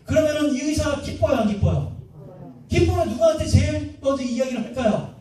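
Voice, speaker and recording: A man preaching a sermon as pastor, animated, asking the congregation questions and acting out little voices. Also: very high voice, brisk, a little hiss or hum. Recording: echoey room from a distance.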